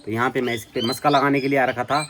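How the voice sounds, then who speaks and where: A man with a Garhwali accent and a heavy, booming voice, chatting and teasing as he narrates a casual vlog while walking outdoors through a hill village. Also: fairly even intonation, fast talker, fairly bright tone, slight background noise. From Uttarakhand, India. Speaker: vlogger. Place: outdoors on a village hillside path.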